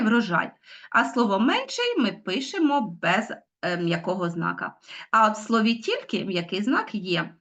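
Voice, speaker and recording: A woman's voice: fairly high pitch, a bit bright. A middle-aged woman teaching a recorded online lesson, explaining step by step and asking her pupils questions. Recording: dull lo-fi sound.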